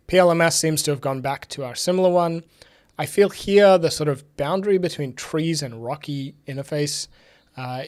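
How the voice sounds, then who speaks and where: A young man recovering from illness hosts a casual live tech stream from a home office with bookshelves. His slightly raspy, a little high voice thinks aloud with many fillers, dropping in dry, sarcastic asides.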